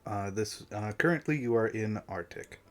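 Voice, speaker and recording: A man running a tabletop game as game master, halting with many fillers and clearing his throat, losing his voice a little. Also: fairly low pitch.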